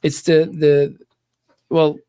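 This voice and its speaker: A man's voice: on the high side, completely flat delivery, slow pace, dark tone, smooth. A man from Morocco, hosting a podcast interview and talking in a hesitant, conversational way with many restarts. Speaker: podcast host.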